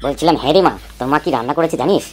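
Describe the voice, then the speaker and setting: A sleepy, food-loving father god from a cartoon, voiced by a woman, deep for her and rattling along very fast. He grumbles and rambles in an easygoing way, over a faint hiss. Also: close to an everyday voice. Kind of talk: cartoon voice acting.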